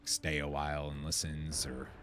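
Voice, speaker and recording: Faint game music and sounds underlie this casual commentary from a gaming content creator who thinks aloud and reads quest text. His voice is extremely low yet fairly bright, delivered in a level tone at a moderate pace.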